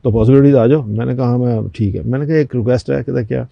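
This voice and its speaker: A man's voice: medium pitch, gravelly, no room sound, lo-fi sound. An older man from Pakistan, a talk show guest, telling a personal anecdote and acting out the people in it. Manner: animated anecdote telling with quoted voices.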